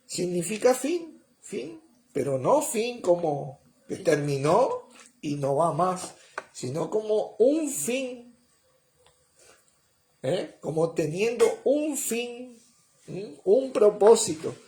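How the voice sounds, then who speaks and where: A man preaching a sermon in a slow, explanatory way, often checking on his listeners with a quick "¿eh?" or "¿mm?". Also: sits high, sing-song, dark tone.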